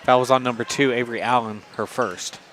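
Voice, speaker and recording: A man with an Oklahoma accent giving calm color commentary on radio, adding stats and foul counts. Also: medium pitch, a little fast, slight background noise. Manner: calm, adds stats and fouls.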